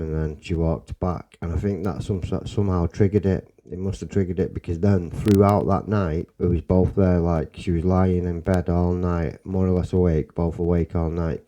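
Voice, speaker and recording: A young man with a Salford accent telling a personal story in a rambling, excitable way, swearing and restarting often. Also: sits low, poor audio. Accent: Salford English. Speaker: storyteller guest.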